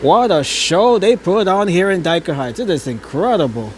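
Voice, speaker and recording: Walking outdoors at night, a live-stream host with a high, animated voice tours a neighborhood's holiday lights at a normal speaking speed. He keeps chuckling, trips over words now and then, and sounds genuinely awed. His gimbal-held phone captures slight background noise.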